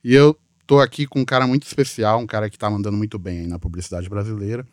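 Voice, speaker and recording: A man's voice: lowish voice, steady tone, fast, dry recording, studio quality. A man with a Brazilian accent hosting a casual podcast in an informal, chatty way. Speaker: podcast host, journalist.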